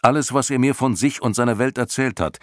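A man voicing an eager, brave boy hero in an audiobook, pitched well above his own deep voice and pleading earnestly. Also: a little fast, dry recording, clean studio sound, natural voice.

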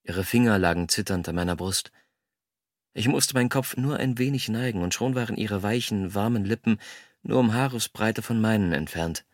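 A man reading a first-person story aloud in a calm, measured, intimate way. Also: lowish voice, no echo, studio quality. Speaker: audiobook narrator. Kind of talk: scripted first-person narration.

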